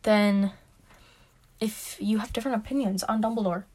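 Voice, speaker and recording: A woman's voice: mid-range voice, steady tone, moderate pace, darkish tone. A young woman co-hosting a casual podcast, chatty and giggly, with lots of "like" and "um". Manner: chatty, giggly, filler-heavy. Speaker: podcast co-host. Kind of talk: casual chat.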